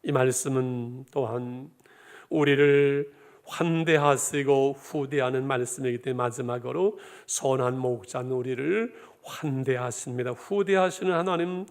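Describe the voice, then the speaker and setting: A man's voice: mid-range voice, unhurried. A man, a pastor, delivering a sermon and addressing his congregation directly, with swells of emphasis.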